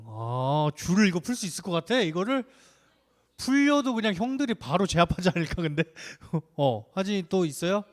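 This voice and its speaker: A young man with a high voice preaches to children at a moderate pace. He tells a story with lots of animation and asks the kids questions along the way.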